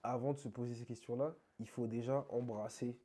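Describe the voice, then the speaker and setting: Guy from france chatting about dance, super bright voice, animated and slangy. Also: medium pitch, fairly quick. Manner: animated, emphatic, slangy speech. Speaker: interview guest, krump dancer. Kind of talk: casual conversational interview.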